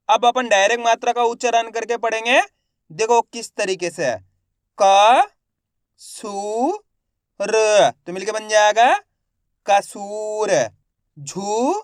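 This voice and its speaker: High-voiced man sounding out syllables. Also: fairly bright tone, no echo, studio quality. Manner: slow, drawn-out syllables, addresses viewers as friends. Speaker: Hindi reading teacher. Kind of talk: spelling-out reading lesson.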